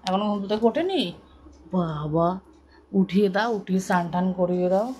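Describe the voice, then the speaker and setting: A woman with a Bengali accent, chatting casually as she cooks in her home kitchen, keeping her voice soft and slow. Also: fairly low pitch. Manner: talks softly and slowly so as not to wake a sleeping child. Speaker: vlogger. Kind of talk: casual cooking vlog narration. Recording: noisy home recording.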